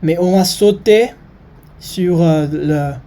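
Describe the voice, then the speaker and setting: A non-native French speaker with a foreign accent gives an informal maths lesson, haltingly searching for words. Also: medium pitch, dark tone. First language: not French. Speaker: maths video presenter.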